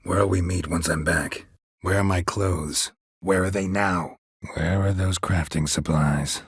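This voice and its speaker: Geralt, very husky low-voiced monster hunter. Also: male voice, unhurried, no echo, heavily acted. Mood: guarded, probing. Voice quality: gravelly, husky. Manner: terse, clipped questions, dry and deadpan. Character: stoic, world-weary male monster hunter for hire, dryly sardonic. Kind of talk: video game voice acting.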